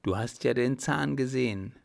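A man's voice: medium pitch, normal speed, gravelly. A man voicing a defiant, scornful young female tightrope artist in an audiobook. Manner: sharp, sneering retorts. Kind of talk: audiobook character voice.

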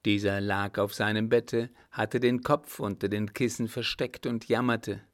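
A man reading a dramatic novel aloud in measured audiobook narration. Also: on the low side, fairly even intonation, fairly bright tone.

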